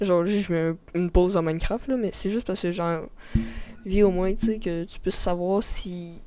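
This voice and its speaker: This woman's voice is fairly low, warm and unhurried, with a Québécois French accent. She's playing a video game on a live stream, talking casually and meandering as she addresses a viewer directly.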